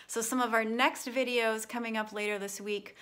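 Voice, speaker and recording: Her voice on the high side, a woman narrates a children's picture book aloud. She takes a storyteller's approach, with deliberate, expressive phrasing aimed at young listeners.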